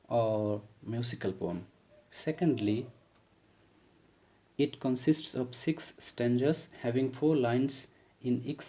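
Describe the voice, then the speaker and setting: A man's voice: medium pitch, darkish tone. A man giving a recorded literature lesson on a poem, explaining terms step by step in a methodical way. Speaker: literature lecturer. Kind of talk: recorded poetry lecture.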